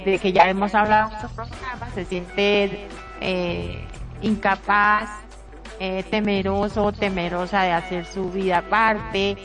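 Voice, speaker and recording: A woman hosting a talk show, giving relationship advice in an earnest, casual way and piling up points in long, repetitive runs. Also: medium pitch. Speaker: radio talk show host. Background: background music.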